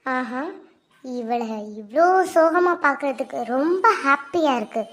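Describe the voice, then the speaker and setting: A woman's voice: high-pitched, lively intonation, measured pace, fairly bright tone, full character voice. A woman voicing a scheming, two-faced young woman in a cartoon, with sly gloating asides. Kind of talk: cartoon voice acting.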